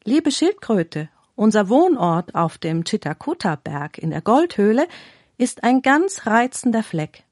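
A woman reading the lines of two young swans in a fairy tale, gentle and inviting. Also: medium pitch, sing-song, unhurried, no room sound, clean studio sound.

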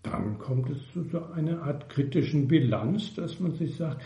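A man giving a measured, explanatory Buddhist dharma talk. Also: a little high, lively intonation, vocal fry, dark tone, roomy sound. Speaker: Buddhist teacher.

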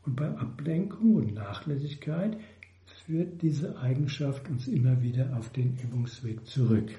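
A man giving a measured, explanatory Buddhist dharma talk. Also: mid-range voice, animated, warm tone, echoey room, lo-fi sound. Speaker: Buddhist teacher.

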